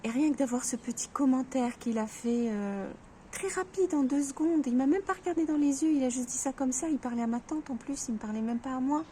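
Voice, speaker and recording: Woman vlogger, fairly high, mellow voice, halting speech with stammers, faint background hiss. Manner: halting, stammering, many restarts. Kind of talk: personal grief vlog, talking to viewers.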